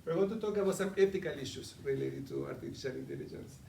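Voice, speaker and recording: In an echoey meeting room, a middle-aged Argentinian coaching presenter chats with his live audience and quizzes them. His slightly high, warm voice swoops wildly in pitch and moves fast, picked up from afar with faint ambience and slight background noise.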